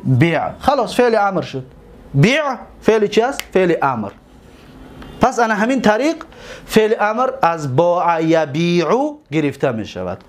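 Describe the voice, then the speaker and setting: Tajik-accented male teacher, high-pitched, repetitive drilling, frequent comprehension checks. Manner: repetitive, drills word forms syllable by syllable; checks understanding with rhetorical questions. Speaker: teacher of Arabic morphology. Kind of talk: classroom lesson.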